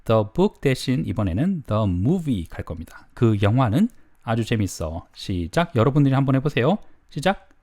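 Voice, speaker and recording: A man teaching an English lesson, prompting learners to repeat, and reading model sentences slowly and deliberately. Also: medium pitch, very animated, a little mellow. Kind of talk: drill-style language lesson.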